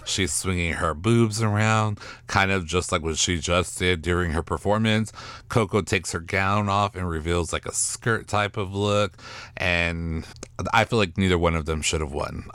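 A sassy man hosts a solo podcast recap, throwing catty asides and filling his talk with "like" and "girl". His voice sits low and deep, smooth and clear, recorded dry and close. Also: a bit bright, dry recording. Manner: catty, sassy, quick-talking with lots of "like" and "girl". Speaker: podcast host recapping a show.

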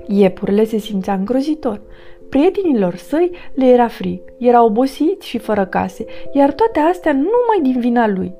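Gentle woman reading a bedtime story. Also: a little high. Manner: gentle, expressive. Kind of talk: reading a children's picture book aloud.

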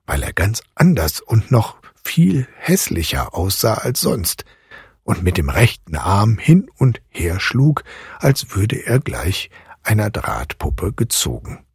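A man reads a fairy tale aloud with expressive storytelling. His voice is husky and breathy, with a lively, swinging pitch. The sound is dry and close. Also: takes it slowly, no room sound. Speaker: reader. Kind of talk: audiobook fairy tale reading.

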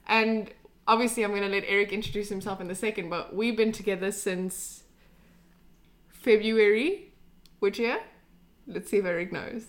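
A young woman from South Africa hosts a relaxed podcast chat. She talks in a chatty, upbeat way at a mid pitch and keeps drawing her guest in with questions. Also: normal speed, long pauses. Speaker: podcast host.

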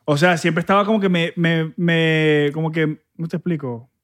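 A young Venezuelan man chatting casually on a podcast, halting and dropping in English phrases. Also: fairly high pitch, fairly even intonation, a bit bright. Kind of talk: casual chat.

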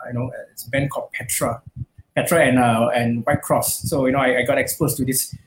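In a brisk, fairly even mid-range voice, a metal musician from Malaysia chats casually during an interview, rambling with lots of fillers and restarts. The recording has room echo and faint noise.

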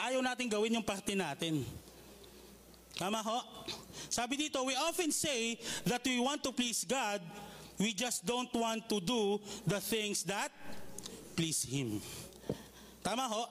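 A man's voice: extremely high pitch, a bit bright, slight background noise. A male pastor giving a conversational sermon, telling humorous stories and checking in with the listeners often. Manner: conversational, with polite asides and frequent "okay?" checks.

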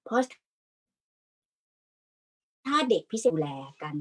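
A woman's voice: slow, fairly bright tone. A woman who works as a teacher and therapist, speaking in a panel discussion and asking the listeners rhetorical questions to make her point. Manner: persuasive, asks rhetorical questions.

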